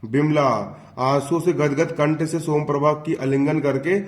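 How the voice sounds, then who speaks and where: A man's voice: a little high, fairly even intonation, a little slow. Chatty male teacher narrating a lesson. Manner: chatty, addresses students as "bhaiya".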